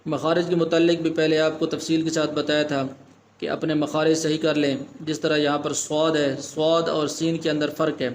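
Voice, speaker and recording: A man teaching Quran recitation rules, explaining each point plainly and then chanting the verses slowly. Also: on the high side, flat delivery, a little hiss or hum. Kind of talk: tajweed lesson in Urdu with chanted recitation.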